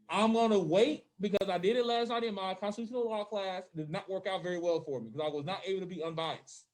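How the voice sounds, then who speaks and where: A man's voice: sits high, darkish tone. A man teaches a class through a face mask, slightly muffled, speaking informally and often checking that everyone follows. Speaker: high school social studies teacher. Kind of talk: classroom teaching to in-person and online students.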